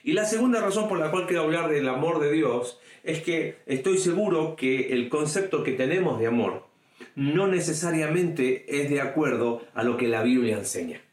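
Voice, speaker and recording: A man preaching to young people in a chatty, questioning way, and his voice sits a little high for a man. He slips into quoted voices as he goes. The recording is roomy and echoey. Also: lively intonation, normal speed. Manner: conversational, asks the audience questions; acts out quoted voices with a raised pitch. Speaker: youth preacher. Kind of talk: online sermon to young people.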